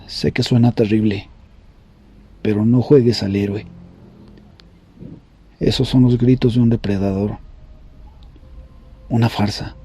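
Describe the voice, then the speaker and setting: A man reading horror stories aloud in a grave, measured storytelling voice. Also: lowish voice, steady tone, mellow, a little hiss or hum. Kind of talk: scripted horror story narration.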